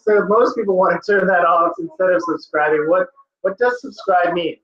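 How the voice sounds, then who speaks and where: A man's voice: high-pitched, normal speed, a bit bright. A man teaching an online test-prep class, playfully quizzing his students on word roots. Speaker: tutor. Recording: echoey, dull lo-fi sound.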